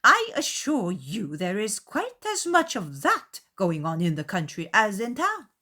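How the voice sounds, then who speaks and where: An excitable middle-aged Regency mother, as a female reader plays her, pitched high and very animated. She gushes and takes offense with great emphasis, in the style of a dramatized audiobook. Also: measured pace, heavily acted. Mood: indignant triumph. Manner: gushing, indignant, emphatic.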